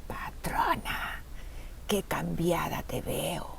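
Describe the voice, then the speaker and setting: A woman voicing a mocking, gloating female jailer in a whispered role-play, with a low, thick voice and slow, menacing taunts. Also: gravelly, fairly bright tone, heavily acted.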